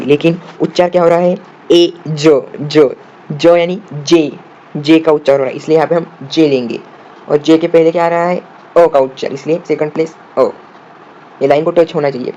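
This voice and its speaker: A man explains shorthand step by step, asking the viewer questions and answering them himself, sometimes spelling words out slowly. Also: on the high side, fairly even intonation, dark tone. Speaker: shorthand teacher. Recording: dull lo-fi audio with faint room noise.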